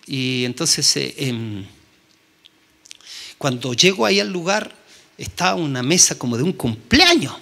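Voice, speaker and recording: A man's voice: mid-range voice, very animated, measured pace, gravelly, long pauses, bright, forceful tone. A middle-aged man with a Chilean accent, preaching a sermon as pastor and telling a personal story with many halts and restarts. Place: church.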